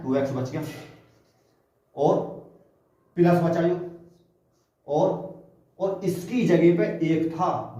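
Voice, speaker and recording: A Hindi-accented man teaches math in a classroom, walking through each step and asking his students questions along the way. His voice is mellow and a little higher than usual for a man. It is picked up from a distance in a very echoey room. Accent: Hindi, North Indian. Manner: step-by-step explaining with rhetorical questions, boastful asides. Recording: very echoey room, voice from far off the mic.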